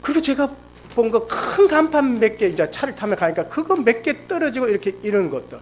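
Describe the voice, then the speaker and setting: Animated middle-aged male pastor. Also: extremely high pitch, a little fast, slight background noise. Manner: animated storytelling, acts out quoted speech. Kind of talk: sermon testimony. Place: church service.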